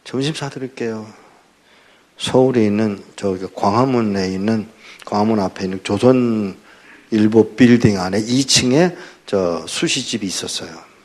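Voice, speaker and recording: An older male pastor giving a testimony sermon, telling his story in an animated way and acting out the dialogue. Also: lowish voice, moderate pace.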